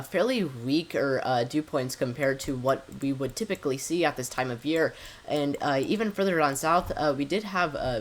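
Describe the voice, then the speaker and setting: A man hosting his own weather forecast, talking through model maps with frequent pauses and filler words. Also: a little high. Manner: hesitant, frequent "uh" fillers and self-corrections. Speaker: amateur weather forecaster, channel host.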